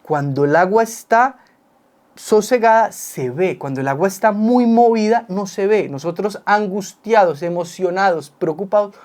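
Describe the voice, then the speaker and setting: A man's voice: high voice, expressive, normal speed, a little mellow. A man, a psychologist co-hosting with his wife, giving casual advice and acting out quotes as he explains. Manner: explains with vivid everyday examples and acted-out quotes. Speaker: psychologist and co-host. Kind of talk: casual advice talk with spouse.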